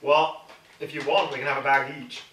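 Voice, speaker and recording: Bright-voiced man reviewing chili snacks. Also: mid-range voice, normal speed. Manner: steady, matter-of-fact describing. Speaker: host, hot food reviewer. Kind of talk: casual tasting review. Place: indoor room. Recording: echoey room, distant mic, faint noise.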